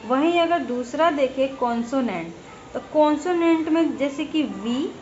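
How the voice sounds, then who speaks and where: A woman's voice: high voice, expressive, a little slow, a little mellow, muffled recording, a little hiss or hum. A woman teaching, patiently spelling out sounds and breaking words into parts. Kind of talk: explaining to students.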